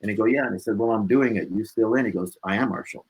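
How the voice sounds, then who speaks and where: A blues musician, interviewed as a guest, tells personal stories casually and animatedly, acting out snippets of dialogue and tacking "right?" onto phrases. His voice is on the low side, quick, with a breathy edge, and the audio is poor.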